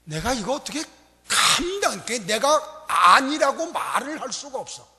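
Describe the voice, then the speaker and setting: A man preaching a sermon as a pastor, emphatic, swinging between loud urgency and hushed, intimate asides. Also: extremely high pitch, big pitch swings, measured pace. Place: church sanctuary. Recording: long reverb of a church hall.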